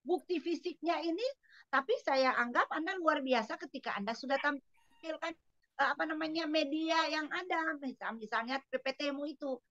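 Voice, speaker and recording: A woman lecturer gives a trainee teacher spoken feedback in a high, bright voice. She questions, corrects and acts out little classroom scenes as she goes. The sound is dry and a little muffled. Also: moderate pace, no room sound. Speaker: exam lecturer giving feedback.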